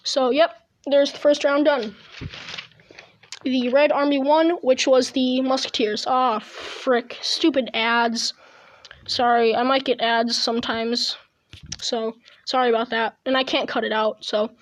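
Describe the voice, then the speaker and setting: A woman's voice: high-pitched, level tone, measured pace. A woman giving casual, rambling gameplay commentary at home, chewing gum, recorded through an earbud mic with many stops and restarts. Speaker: gaming video host. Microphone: earbud headset mic.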